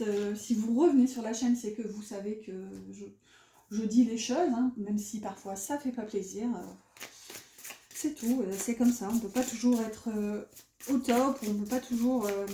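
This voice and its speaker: A woman's voice: on the high side, dark tone, roomy sound, slight background noise. A woman giving a casual tarot reading, chatty and full of fillers and restarts. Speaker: tarot card reader.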